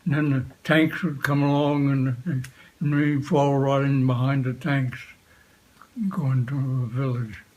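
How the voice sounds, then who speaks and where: An elderly man, a veteran, remembering his past in an unscripted interview, speaking in short, halting phrases with frequent pauses. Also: medium pitch, flat delivery, darkish tone, poor audio. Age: 80s or older. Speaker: war veteran being interviewed. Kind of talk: unscripted reminiscence, recalling the past.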